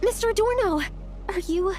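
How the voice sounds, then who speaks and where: Earnest, high-voiced researcher. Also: female voice, normal speed, darkish tone, soft background music. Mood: concerned. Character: earnest, attentive female researcher. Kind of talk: video game voice acting.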